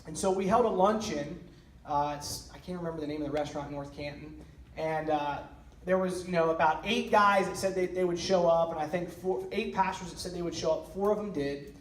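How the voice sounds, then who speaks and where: A man tells a heartfelt story to a gathered audience, restarting phrases as he goes. His voice sits a little high and sounds set back from the mic. It carries through a roomy hall with a faint hiss underneath. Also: a little fast. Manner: earnest storytelling with frequent restarts and fillers. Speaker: ministry leader speaking at an event. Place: church hall with men gathered. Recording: echoey hall, mic at a distance, faint noise.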